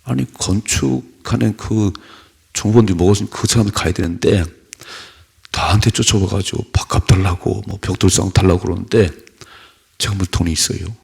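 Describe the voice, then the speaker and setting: A man preaches at an early-morning church service, his low voice heavily gravelly and very husky. He talks to the congregation conversationally, tossing out rhetorical questions and weaving in personal stories. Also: steady tone, brisk, a little mellow. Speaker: pastor.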